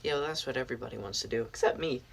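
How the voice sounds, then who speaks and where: Low-voiced crude sarcastic commentator woman. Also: rapid-fire, gravelly. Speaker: commentary YouTuber. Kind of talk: profane reaction commentary.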